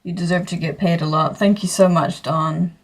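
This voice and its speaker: A woman's voice: on the low side, steady tone, moderate pace. A teenage girl from Australia, chatting casually on a drawing livestream and rambling with lots of fillers and self-corrections. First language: English. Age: teens. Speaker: streamer.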